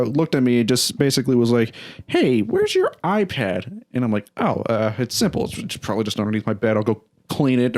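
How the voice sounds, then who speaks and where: A man's voice: medium pitch, a little mellow. A young man hosting a podcast, telling a self-deprecating story in a rambling, casual way with lots of restarts. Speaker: podcast host.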